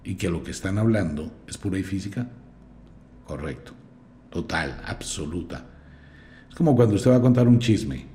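A low-voiced man hosts his podcast and reads scripture aloud, mocking it bluntly as he goes. His tone is dark and mellow, and his pitch swings widely as he tells the story. He sounds like a lively, scornful storyteller. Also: normal speed, long pauses, a little hiss or hum. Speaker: podcast host. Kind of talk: scornful commentary with Bible reading.

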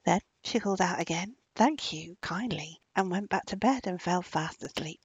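A woman narrating a folk tale gently, sometimes dropping into soft whispers. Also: fairly low pitch, a little fast, lo-fi sound, slight background noise. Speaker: storyteller. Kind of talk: storybook narration.

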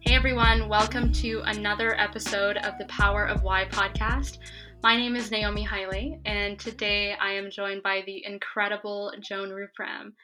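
A woman podcast host welcomes her guest and reads a long introduction. Her delivery is even and steady, with little rise and fall in pitch. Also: normal speed, soft background music, low-quality recording. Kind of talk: podcast interview, reading an introduction.

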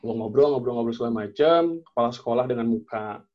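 Young man telling a lively story. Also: medium pitch, fast, highs cut off. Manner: animated, acts out quoted dialogue, lots of slang and fillers. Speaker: guest telling a personal story. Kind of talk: casual storytelling chat.

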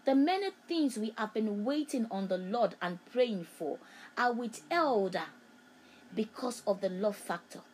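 Woman preacher, fairly high voice, repetitive emphatic prophetic delivery, faint room noise behind. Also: animated, a little slow, darkish tone, rough recording. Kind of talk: prophetic sermon.

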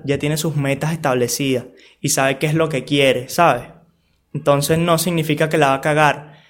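A man with a somewhat high voice speaks straight to the camera. He gives blunt, casual advice to parents and teens, peppered with slang and swearing. He keeps checking that the listener is with him. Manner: frank and loose, with street slang and swearing; talks straight to the listener, asking for agreement.

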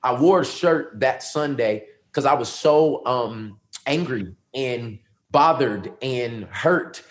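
Middle-aged man, pastor, earnest and reflective, mid-pitched voice, relaxed conversational interview answers. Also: slow pace. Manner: earnest, reflective storytelling with many ums. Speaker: lead pastor.

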